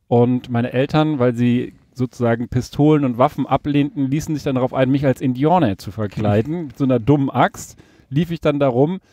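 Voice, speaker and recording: A man's voice: mid-range voice, fairly quick, warm tone, no room sound. A man from Berlin co-hosting a casual podcast, telling anecdotes and teasing his co-host drily. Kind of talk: casual chat.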